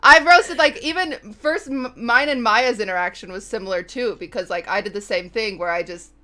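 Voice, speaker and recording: Bright-voiced teasing woman. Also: mid-range voice, normal speed. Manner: teasing, self-mocking banter. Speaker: podcast co-host. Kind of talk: casual chat.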